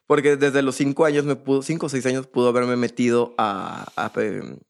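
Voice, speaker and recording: A man's voice: medium pitch, steady tone, normal speed, gravelly. A young man, a percussionist guest, telling his story in a casual, rambling way with many fillers and restarts.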